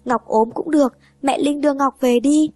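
A woman's voice: sits high, steady tone, normal speed, warm tone, pitched above the performer's own voice, lightly acted. A woman reading an audiobook, voicing a sick six-year-old girl. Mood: pleading.

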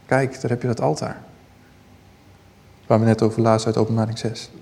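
A man's voice: fairly high pitch, darkish tone, big-room sound. A man giving a sermon as a preacher, teaching scripture and reading passages aloud with rising emphasis.

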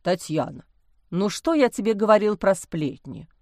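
A woman voicing a stern bearded village priest, a weary middle-aged man who grumbles slowly and gravely. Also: medium pitch, lively intonation, darkish tone, no room sound, clean studio sound, natural voice. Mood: reproachful. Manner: gruff grumbling, slow and grave.

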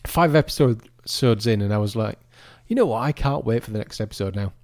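A man's voice: lowish voice, fairly quick, a little mellow, no echo. A man co-hosting a podcast, rambling and chatty, often restarting his sentences. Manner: rambling, chatty, self-interrupting. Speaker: podcast co-host. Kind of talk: casual chat.

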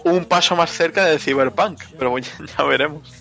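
A man co-hosting a casual gaming podcast, lively and joking, swearing casually. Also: fairly high pitch, brisk, gravelly, soft background music. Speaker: podcast co-host.

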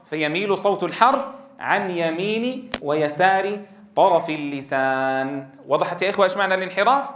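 A man's voice: high-pitched, fairly bright tone. A man gives a classroom lecture on Quran recitation rules. He is emphatic, repeats his key points and addresses his listeners as brothers. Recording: echoey room.

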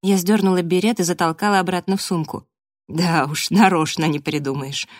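A woman narrating an audiobook in first person, in a measured, dry storytelling manner. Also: fairly low pitch, steady tone, dry recording.

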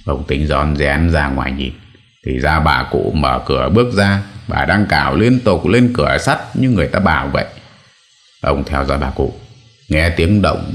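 Fields: deep-voiced male story narrator. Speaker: audiobook narrator. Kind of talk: scripted horror story narration.

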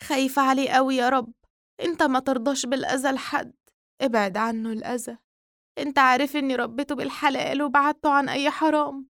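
A woman's voice: high-pitched, fairly even intonation, fast, fairly bright tone, no room sound, studio quality, pitched above the performer's own voice. A woman voicing an anxious Egyptian mother praying. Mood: pleading. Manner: pleading, fervent prayer.

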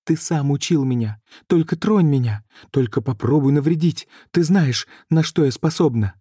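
A man voicing a frightened young sorceress in an audiobook, with a shrill, trembling voice. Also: moderate pace, warm tone, husky, dry recording, studio quality. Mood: screaming defiant.

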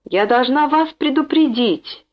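A woman's voice: sits high, measured pace, highs cut off, voice pushed up. A woman voicing a pleading polite teacher mother. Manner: pleading, raised voice.

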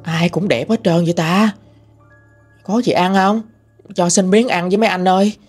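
A man voicing a hungry young female ghost, with eerie, drawn-out calls. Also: sits high, steady tone, husky, soft background music, pitched above the performer's own voice. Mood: teasing.

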